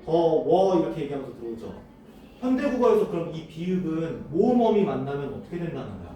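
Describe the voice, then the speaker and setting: A man's voice: a little high, sing-song, fast, dark tone, lo-fi sound, slight background noise. Man lecturing in an echoey classroom. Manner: asks students questions and answers them himself. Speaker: teacher. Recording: echoey room, voice from far off.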